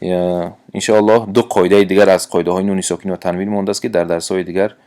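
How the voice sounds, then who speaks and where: A man with a Tajik accent teaching a lesson on Quran recitation rules, patient and halting, pausing often and sounding out letters slowly. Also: low voice, flat delivery, darkish tone. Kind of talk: tajwid lesson.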